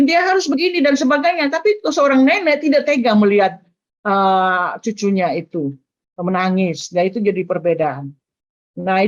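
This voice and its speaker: An older woman speaks at a middle pitch, offering earnest family advice in a teaching tone. She sprinkles her talk with small fillers. The recording has a dull, lo-fi sound. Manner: earnest, advising, with frequent "nah" and "eh" fillers.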